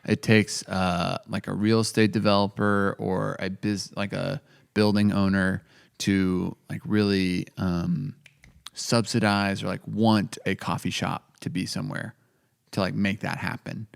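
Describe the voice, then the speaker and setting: Gravelly-voiced man rambling on a podcast. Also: low-pitched, unhurried. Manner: rambling, animated, acts out quoted dialogue. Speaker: coffee company co-owner, podcast host. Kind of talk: casual business podcast chat.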